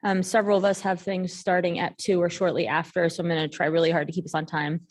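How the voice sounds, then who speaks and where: Woman mayor, lowish voice, running a public meeting with a loose, um-filled delivery. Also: flat delivery, quick pace. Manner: conversational, with frequent ums. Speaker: mayor hosting a joint meeting. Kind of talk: formal meeting chairing. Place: city hall meeting room.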